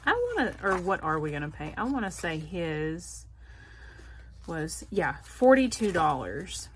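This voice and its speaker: A woman's voice: on the low side, big pitch swings, a little slow, slight background noise. A woman with a Southern US accent, chatting casually to her viewers as a budgeting vlogger, laughing often. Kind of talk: casual direct-to-camera chat.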